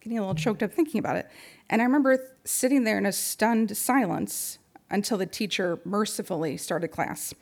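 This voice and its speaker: Woman with a creaky voice giving a talk. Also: medium pitch, fairly quick, darkish tone. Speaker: speaker giving a talk on grief support. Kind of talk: prepared public talk.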